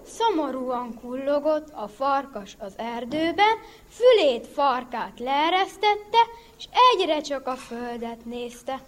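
A woman reading an animal fable aloud in a clear, expressive way. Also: high voice. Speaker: storyteller. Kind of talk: animal tale narration.

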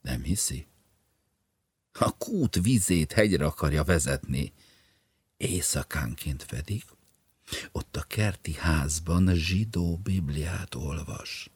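A man's voice: a bass voice, big pitch swings, pauses often, husky, no echo, exaggerated voice. A man reading the lines of a cold, scornful wife who speaks with contempt, in an audiobook.

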